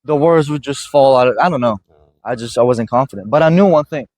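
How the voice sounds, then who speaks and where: A man's voice: medium pitch, fairly quick, darkish tone, dry recording. A man from Iraq hosting a casual motivational conversation, earnest and often checking in with "you know what I mean". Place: gym.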